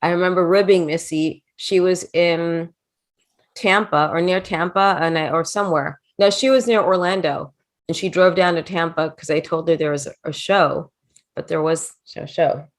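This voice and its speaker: Brief: woman, middle-aged, low-pitched, animated storyteller, interview guest. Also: moderate pace. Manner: chatty, animated anecdotes with quoted voices. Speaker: interview guest, former wrestling manager.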